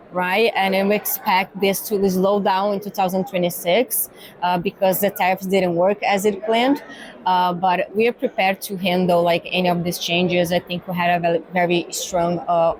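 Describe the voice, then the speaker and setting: Speaking at normal speed in a level tone, this woman has a slightly mellow voice on the low side. A Brazilian pharma cargo executive with a Brazilian Portuguese accent, she answers interview questions as a guest in an exhibition hall, thoughtful and full of fillers, often ending with "right?", over poor audio with slight background noise.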